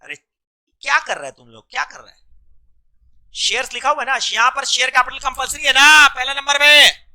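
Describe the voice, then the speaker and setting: Bright, high-voiced male teacher drilling a class. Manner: drills students with repeated quick questions; mixes English terms into Hindi. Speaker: commerce law teacher. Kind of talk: classroom lecture.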